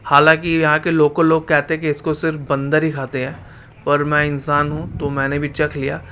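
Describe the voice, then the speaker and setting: Smooth-voiced male vlogger, flat delivery. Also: fairly high pitch, normal speed. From Himachal Pradesh. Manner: chatty, addresses viewers as guys. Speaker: travel vlogger. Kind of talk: casual vlog narration.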